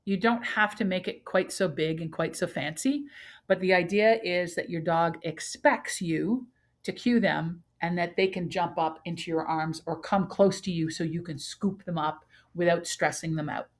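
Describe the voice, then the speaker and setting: A woman's voice: fairly low pitch, moderate pace, poor audio. A woman, a dog trainer presenting a webinar in a chatty way, now and then putting on playful voices for dogs.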